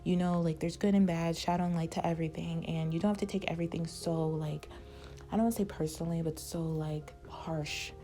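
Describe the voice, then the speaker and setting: A tarot reader gives a casual reading in a lowish, steady, dark voice, moving at a brisk clip with faint music in the background. She rambles, fills her speech with "like," and takes an advising tone, all while her voice is giving out.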